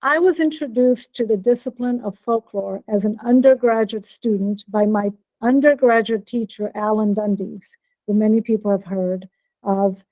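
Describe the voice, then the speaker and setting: An American-accented professor born in Norway and raised in Brazil gives a friendly keynote over a video call, checking in with her audience. She speaks at a moderate pace in a dark, mid-range voice with fairly even intonation. The computer mic yields poor audio without echo.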